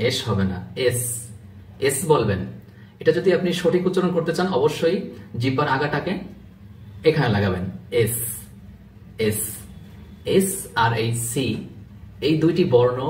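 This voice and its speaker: A man gives a patient pronunciation lesson, repeating each letter slowly and explaining how to place the tongue and lips. His voice sits at a middle pitch and is picked up from a distance. The room is echoey, with a faint hum of ambience behind him. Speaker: English pronunciation teacher. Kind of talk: instructional video lesson.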